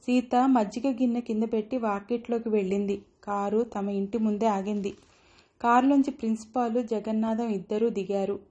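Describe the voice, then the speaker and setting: A woman's voice: on the high side, steady tone, normal speed, dark tone, lo-fi sound. A woman reading a novel aloud as an audiobook narrator, voicing every character herself.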